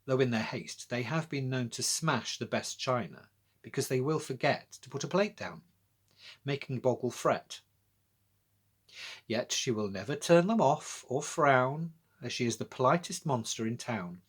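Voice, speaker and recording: A man with a mid-range, slightly slow voice and a breathy edge reads children's poems aloud. Between them he chats in a friendly, explanatory way, speaking directly to young listeners and asking them questions.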